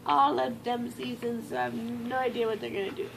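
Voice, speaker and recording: A woman's voice: fairly high pitch, little pitch movement, brisk, creaky. A young American woman, groggy and loopy from anesthesia after surgery, rambling casually and without a filter. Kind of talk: casual chat. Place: small curtained hospital recovery bay. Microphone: phone a few feet away. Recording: noisy handheld phone recording in hospital room.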